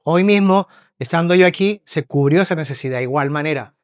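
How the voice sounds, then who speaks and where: A man from Spain preaching a sermon, telling lively stories, acting out voices and often checking in with his listeners. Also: fairly high pitch, brisk, smooth, no room sound, clean studio sound. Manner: animated storyteller, acts out voices, checks in with listeners. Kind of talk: sermon with storytelling. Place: church hall.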